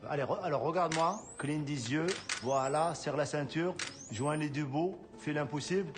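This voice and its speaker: A man's voice: a little high, moderate pace, over music, natural voice. An actor playing a confident coach who rambles through his advice.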